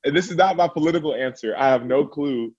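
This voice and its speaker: A man's voice: on the high side, fast talker, darkish tone. A man co-hosting a podcast, talking earnestly in casual chat with rambling restarts. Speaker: podcast co-host. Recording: dull lo-fi audio.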